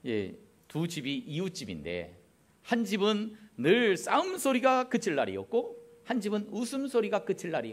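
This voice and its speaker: A middle-aged man preaching a Sunday sermon as pastor in a church, acting out little family quarrels as he goes. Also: sits high. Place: church sanctuary.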